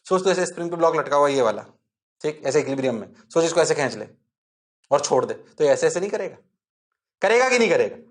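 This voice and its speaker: A man teaching physics in a lively, jokey way, constantly checking that the class is following and sometimes answering his own questions in a low student voice. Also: fast. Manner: jokey and self-mocking. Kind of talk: online exam-prep lecture.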